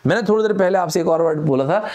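A man's voice: sits high, fast, darkish tone. A young man from India teaching vocabulary online, playful, acting out both himself and his students and quoting film lines. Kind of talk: lively Hindi vocabulary lesson.

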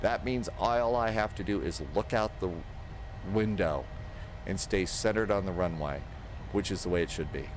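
His voice sits low and his pace is moderate: a man in his sixties explaining a flight simulator casually while talking through every step aloud. A close desk mic in his indoor home streaming space captures him over a steady backdrop of simulated aircraft engine and cockpit noise.

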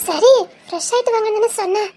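A woman voices a shy young wife in a Tamil drama. She speaks very high in pitch and stammers hesitantly through her lines. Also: fast talker, mellow.

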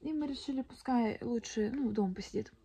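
Her pitch fairly high and her tone warm but slightly rough, a young mother talks quickly in a casual home vlog. She holds the phone at arm's length in a room of her house and rambles, restarting often and filling gaps with filler words.

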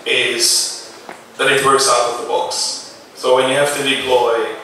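A man's voice: medium pitch, level tone, unhurried, pushed and bright, a little hiss or hum. Man giving a keynote in an echoey hall. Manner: hesitant, many "uh" fillers, casual. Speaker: keynote speaker. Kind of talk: conference keynote talk. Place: large auditorium stage, indoors. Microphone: handheld mic, filmed from far back. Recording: echoey hall, distant camera mic.

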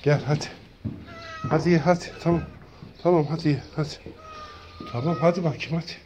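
A man talking casually to his cats, calling them over and over in a coaxing way and now and then gently scolding them. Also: on the high side, brisk, muffled recording, a little hiss or hum. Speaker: cat feeder. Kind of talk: casual talk to pets.

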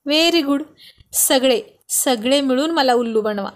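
A woman voicing a romantic, teasing young husband who is quick to sulk, pleading and playful, dropping English phrases into his talk. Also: high-pitched.

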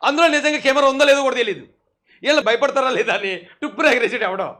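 A man's voice: very high-pitched, quick pace, pushed and bright. A man giving mocking political commentary, sarcastic and scolding, often laughing at what he describes.

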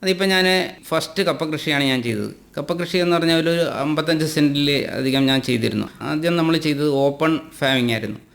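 A man from Kerala, a farmer guest with a Malayali accent, explaining his methods in plain, unhurried interview talk with some hesitations. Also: fairly high pitch, creaky, fairly bright tone. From Kerala, India.

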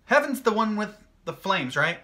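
A man's voice: sits high, very animated, moderate pace, sharp tone. A man hosting his own hot sauce vlog, chatting casually in an upbeat, jokey, rambling way with plenty of fillers. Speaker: hot sauce maker and video host.

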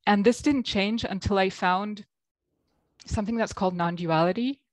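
On a video call from a room at home, a Belgian woman with an American accent is interviewed as a guest coach. Her mid-range voice moves at a normal speed with no echo, and she talks reflectively, saying "um" a lot.

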